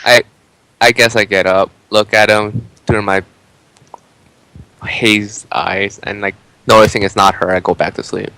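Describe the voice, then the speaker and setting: A man's voice: lowish voice, steady tone, measured pace, bright, forceful tone, no echo, rough recording. A man playing a tabletop game, describing his character's actions in a laid-back way, with fillers and restarts. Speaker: player.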